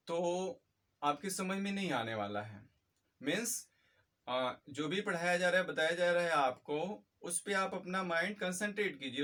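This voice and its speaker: Fast-talking male biology teacher. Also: fairly high pitch, fairly bright tone, recorded from a distance. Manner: quick, repetitive explanations mixing in English terms. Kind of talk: fast-paced biology lecture.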